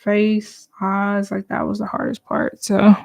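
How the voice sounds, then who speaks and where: A mid-range, gravelly voice at a measured pace belongs to a woman talking casually to her viewers while she draws on a live stream. She's relaxed and chatty, occasionally slipping into whispers.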